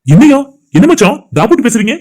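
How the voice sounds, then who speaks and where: Cartoon role: a man doing a smug young groom, high-pitched, teasing, rapid-fire. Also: big pitch swings, darkish tone, exaggerated voice. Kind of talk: cartoon voice acting.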